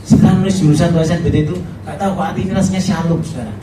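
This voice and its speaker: Javanese-accented pastor preaching in an echoey hall. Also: male voice, on the high side, steady tone, rapid-fire, far from the mic, crowd noise. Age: middle-aged. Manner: chatty, humorous preaching with frequent laughs. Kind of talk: sermon. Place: church hall.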